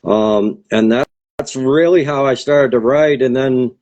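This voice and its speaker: A man's voice: medium pitch, measured pace, darkish tone. A man from the area, a guest poet talking in a casual interview, rambling and hesitant with many fillers and restarts. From Boston area, USA.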